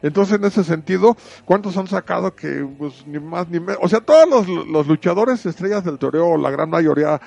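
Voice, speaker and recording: A man's voice: high-pitched, moderate pace, creaky, few pauses, faint music behind. A man with a Mexican accent co-hosting a casual, slangy chat show. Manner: chatty, slangy, animated. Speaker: co-host. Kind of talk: casual chat about wrestling.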